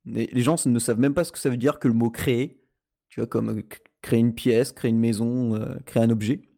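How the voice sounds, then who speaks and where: A man's voice: medium pitch, steady tone, fairly quick, gravelly, warm tone. Casual man rambling about a game. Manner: rambling, lots of hesitations and restarts. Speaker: podcast host reviewing a video game. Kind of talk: casual chat.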